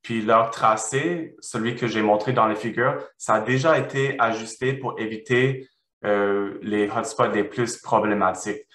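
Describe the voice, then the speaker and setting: A low-voiced man presents research in French with a foreign, non-native accent. He feels his way haltingly through academic explanations, searching for words. The sound is roomy and echoing. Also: a bit bright. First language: not French. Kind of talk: academic presentation and question answering.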